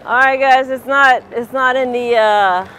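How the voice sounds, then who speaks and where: A woman in her thirties talks in an unhurried, drawn-out way, with frequent groans and loud exclamations. She is recorded outdoors on a boat and a marina dock by a camera mic. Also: high voice, faint music behind. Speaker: vlog co-host, fishing competitor. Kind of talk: casual vlog chat.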